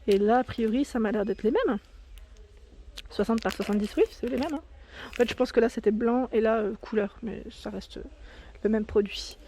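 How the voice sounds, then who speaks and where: A woman with a fairly high voice strolls through a big store, recording on her phone. She reads off prices, sizes and product labels in a chatty, unpolished way, stopping to correct herself. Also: moderate pace, warm tone, slight background noise. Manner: chatty, reading prices and labels aloud with fillers and self-corrections. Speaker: shopping vlogger. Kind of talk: casual store walkthrough. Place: inside a large discount store.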